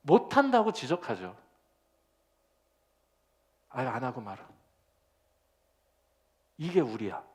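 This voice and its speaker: A man's voice: medium pitch, huge pitch swings, slow, long pauses. A male pastor delivering a sermon in a playful, personal way, laughing at his own jokes and speaking straight to the congregation.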